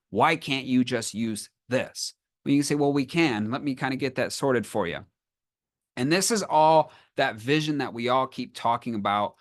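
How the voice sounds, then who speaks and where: A man's voice: mid-range voice, fairly bright tone, no room sound, clean studio sound. A man giving an enthusiastic webinar talk on a video call, saying he is losing his voice. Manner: enthusiastic, explanatory. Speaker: conference speaker. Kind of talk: webinar presentation.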